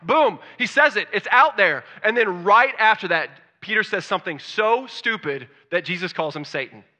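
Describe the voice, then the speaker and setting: A male pastor preaching a conversational sermon, often asking the congregation questions and swinging from loud excitement to soft, hushed tones. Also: sits high, moderate pace.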